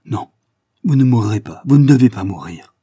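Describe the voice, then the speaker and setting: A man's voice: fairly low pitch, moderate pace, darkish tone, husky, no echo, studio quality. A man reading the part of a devoted young woman nurse, pleading and emphatic.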